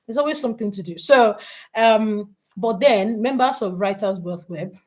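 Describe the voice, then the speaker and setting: A woman runs a live online lesson. She talks in a chatty, lively way, laughs often and greets viewers one by one. Her voice sits a little high. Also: normal speed. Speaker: online workshop host. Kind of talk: live online teaching session.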